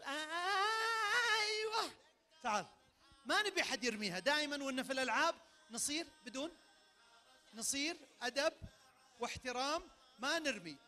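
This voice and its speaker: A man's voice: extremely high pitch, quick pace, long pauses, faint music behind. A man with a Saudi accent hosting a crowd party game in a big event tent, talking into a handheld mic and barking sudden commands. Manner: energetic, barks sudden commands. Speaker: game host at a public event. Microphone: handheld microphone.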